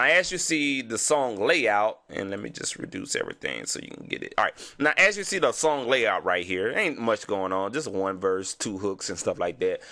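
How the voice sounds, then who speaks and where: A man's voice: mid-range voice, pushed and bright. A man with a Houston accent, sounding stuffy from sinuses, casually explaining music production and saying "you know what I'm saying" again and again. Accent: Southern US, Houston. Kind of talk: casual screen-recording tutorial.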